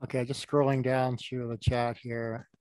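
A man's voice: medium pitch, level tone, unhurried, a little mellow, rough recording. A man moderating a question session on a video call, reading audience questions aloud from the chat.

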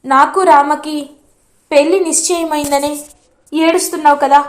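A woman's voice: sits high, steady tone, moderate pace, lightly acted. A woman voicing a pleading young lover. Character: young man, anguished lover torn over wedding.

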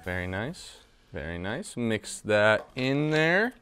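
The cooking show host uses a lowish, sing-song delivery that's slow, smooth and a touch bright. This young man chats happily to a silent mascot beside him in the kitchen, wearing a lapel mic, with music playing faintly.

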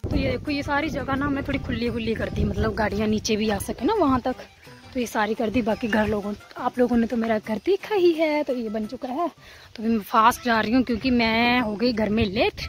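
A woman's voice: on the high side, a little fast, faint music behind. A young woman from Himachal Pradesh in India, chatting casually to viewers in her daily vlog as she walks through fields and her home, recorded on a handheld phone. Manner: chatty, playful, talks to viewers while walking. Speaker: vlogger. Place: outdoors, village fields and home.

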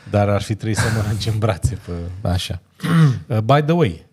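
A man in his thirties, low in pitch, chats casually as a podcast host. He tells road-trip stories with a lively, joking energy into a studio boom mic. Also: a little hiss or hum. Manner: lively, storytelling, laughs often. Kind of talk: casual chat. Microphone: studio mic on boom arm.

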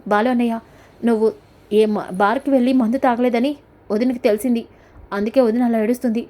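A woman's voice: a little high, fairly even intonation, fast talker, warm tone, lightly acted. Storybook role: a reassuring younger brother, read by a woman narrator.

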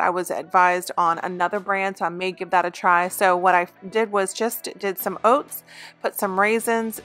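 A woman's voice: mid-range voice, a bit bright. A woman in her thirties talking casually about her meal prep as a home vlogger, with many ums and restarts. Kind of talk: casual voice-over narration.

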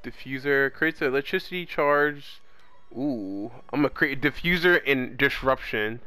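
A young man chatting casually while playing a game, given to loud excited outbursts. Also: medium pitch, moderate pace, clean tone, no echo, faint music behind. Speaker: gamer. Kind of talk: casual gaming chat.

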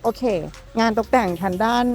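A woman gives an enthusiastic, chatty walkaround of a customized truck at an outdoor workshop. Her speech is polite throughout. Faint music plays underneath her voice. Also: moderate pace. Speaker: presenter for a truck body workshop channel. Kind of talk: walkaround vehicle showcase.

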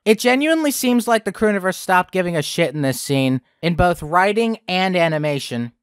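A man's voice: high voice, expressive, moderate pace, smooth. A young man hosting a review video, with sarcastic, profane ranting commentary. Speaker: video critic host.

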